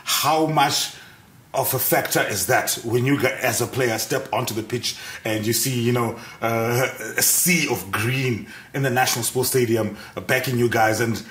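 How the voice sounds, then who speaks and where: A man's voice: mid-range voice, moderate pace, fairly bright tone, roomy sound. A man in his thirties hosting a morning TV sports segment, asking long, probing questions with frequent fillers in a studio. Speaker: TV sports show host. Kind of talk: studio interview.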